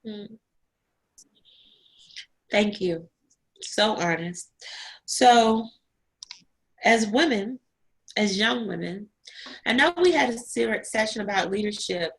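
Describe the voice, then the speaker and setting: A woman's voice: medium pitch, expressive, slow pace, pauses often, a bit bright, slightly rough, poor audio. A woman hosting an online panel interview over a video call, effusive and emotional as she encourages her young guests. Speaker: host.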